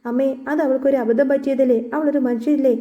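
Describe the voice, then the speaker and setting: A woman's voice: sits high, steady tone, quick pace, dull audio, natural voice. A woman voicing an anxious young husband who begs his mother in a storybook retelling, speaking in an earnest, begging way. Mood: pleading.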